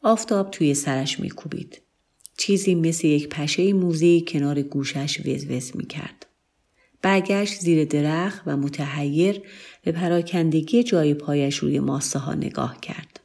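A woman with a low voice reads a literary story aloud. Her delivery is calm and measured, and the phrases move slowly. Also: creaky. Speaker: narrator.

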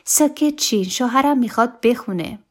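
A pushy, impatient wife , put on by a female storyteller, snaps in a raised, higher voice that jumps well above the narration. She nags and hurries her husband along in a story reading. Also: expressive. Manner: bossy, impatient urging. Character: scolding wife of a middle-aged man.

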